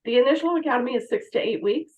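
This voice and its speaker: A woman appears as a podcast guest, a fire dispatch manager answering interview questions and explaining conversationally how things work at her workplace. Her high, expressive voice races along and is a little mellow.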